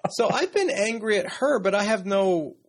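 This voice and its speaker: Gravelly, husky man telling his story. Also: high voice, lively intonation, moderate pace. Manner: earnest and reflective, often hesitant. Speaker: interview guest. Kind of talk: personal story in conversation.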